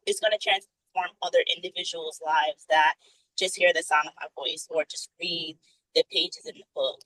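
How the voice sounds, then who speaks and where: A woman's voice: low-pitched, dry recording, poor audio. A woman in a writing group sharing her hopes on a video call, earnest and grateful. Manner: earnest, grateful, softly emphatic. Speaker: workshop participant.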